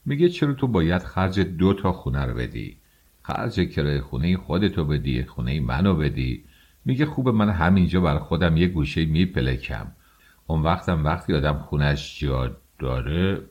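Man doing brusque husband, scolding, deep, husky, audiobook. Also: expressive, lo-fi sound, heavily acted. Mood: persuading. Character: irritable young husband, brusque. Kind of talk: audiobook character reading.

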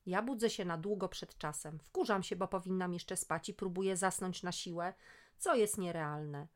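A woman reading a story aloud in a lively, expressive way as a storyteller. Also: lowish voice.

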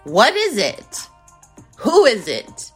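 A woman in her twenties hosting her own podcast in casual, playful chat that swings between loud bursts and low mumbles. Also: wildly swooping pitch, slow, breathy edge. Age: 20s. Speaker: podcast host. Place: home in Arizona. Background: music beat playing.

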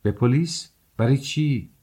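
A man reading the part of a brooding, feverish young male student, speaking low and curt in an audiobook. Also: very animated, darkish tone, exaggerated voice. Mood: startled.

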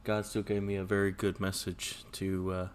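This podcast co-host has a deep voice and a completely flat delivery, speaking at a moderate pace. He's chatting casually, and the recording carries the echo of a church sanctuary.

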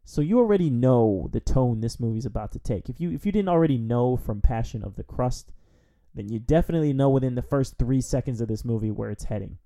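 A man hosting a review podcast, recapping a plot in a casual, rambling style with a wry edge. His voice is very dark and mellow, sitting at a middle pitch. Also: expressive, fairly quick. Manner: rambling, wry, with frequent fillers. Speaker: film review podcast host.

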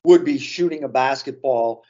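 A man's voice: mid-range voice, moderate pace, mellow, lo-fi sound. A man co-hosting a casual podcast, talking earnestly and drawing lessons from sports memories. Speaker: podcast co-host.

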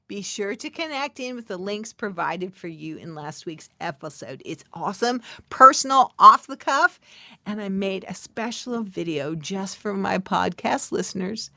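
A woman's voice: mid-range voice, expressive, measured pace, vocal fry, sharp tone, no room sound. A middle-aged woman hosting a podcast, talking casually and playfully to her listeners and dropping into whispers for emphasis. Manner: playful, chatty, talks straight to listeners with asides and laughs. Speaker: podcast host.

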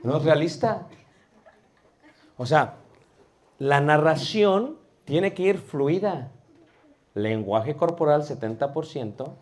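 Man teaching preaching, unhurried, a bit high, keeps quizzing the class. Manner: animated, asks the class questions, drops to a soft voice for effect. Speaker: homiletics teacher.

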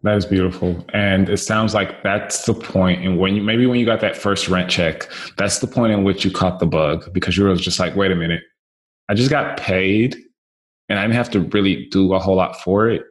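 A man's voice: deep voice, moderate pace. A man hosting a podcast, enthusiastic and encouraging toward his guest. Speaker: podcast host. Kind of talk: conversational interview.

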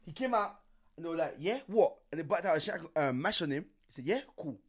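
A man with a London roadman accent talks quickly in casual podcast banter. His pitch moves around a lot, and he leans on street slang and swearing, repeating points for emphasis. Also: expressive. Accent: London, urban street. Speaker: podcast co-host.

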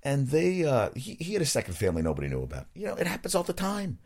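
A man's voice: a little high, wildly swooping pitch, fast talker, a little mellow. A man hosting his own sports podcast, rambling casually from topic to topic and swearing freely. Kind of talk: casual solo sports talk.

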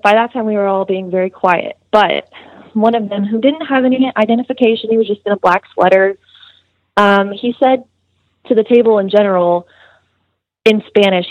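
A young American woman, a student, earnestly recounts a detailed story during an interview, dropping in casual fillers. Her medium-pitched voice has a darkish tone, and the dry recording sounds dull and muffled.

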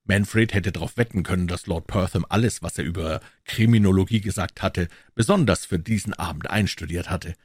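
A man reading an audiobook aloud in an expressive storytelling way. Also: deep voice, fairly quick, hardly any pauses, breathy edge, no echo, studio quality. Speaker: audiobook narrator. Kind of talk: scripted narration.

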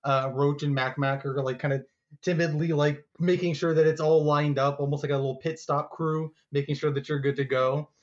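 Animated male game master, muffled audio. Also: a little high. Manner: animated, laughing, doing quick voices for crowd figures. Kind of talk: narrating a tabletop game.

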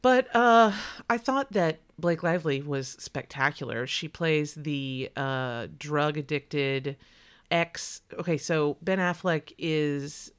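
A young woman co-hosting a podcast, chatting casually and candidly about a movie, animated, swearing and laughing often. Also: sits low, takes it slowly, clean tone. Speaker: podcast co-host. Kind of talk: casual movie review chat.

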